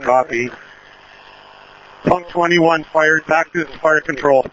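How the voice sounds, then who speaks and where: A man's voice: a little high, a little slow, a crowd in the background. A man working as a fire control officer, making urgent, procedural firefighter radio calls in clipped phrases over a two-way radio. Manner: procedural, clipped call-and-response. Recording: muffled radio with faint noise, clicks.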